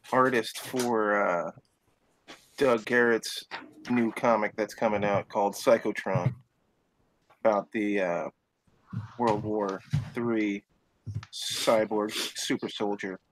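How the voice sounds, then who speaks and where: A man's voice: on the low side, steady tone, slow, pauses often, fairly bright tone, a little hiss or hum, rough recording. A man, a comic artist guest, chatting casually and joking about himself. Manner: jokey, self-mocking. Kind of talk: casual chat.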